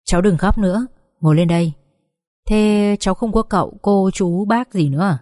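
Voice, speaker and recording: Woman reading as a kind middle-aged auntie, gentle consoling manner, mellow voice, dry recording. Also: mid-range voice, moderate pace, dry recording, close to an everyday voice.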